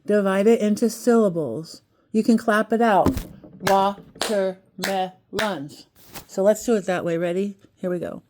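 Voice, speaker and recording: A woman teaching a children's phonics lesson, slowly sounding out letters and syllables in an encouraging way. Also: mid-range voice, background noise. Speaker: kindergarten teacher.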